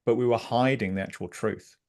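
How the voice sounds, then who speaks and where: A man co-hosting an online webinar, talking in a passionate, animated and chatty way as a scrum trainer. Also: medium pitch, brisk. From Britain.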